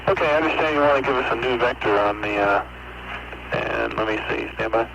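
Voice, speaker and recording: A man calls down from orbit in short, by-the-book radio phrases. His voice comes through a crackly, breaking-up space radio link buried in loud static. The sound is dull and lo-fi, like an old archival transmission. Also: medium pitch, expressive, fairly quick, vocal fry. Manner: clipped procedural radio talk. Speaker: astronaut. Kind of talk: mission radio exchange.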